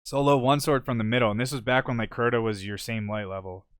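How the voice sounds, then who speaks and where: A young man hosting an unscripted podcast, telling stories in a casual, profane, animated way. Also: medium pitch, fast, dry recording, studio quality. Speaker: podcast host. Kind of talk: unscripted solo podcast storytelling.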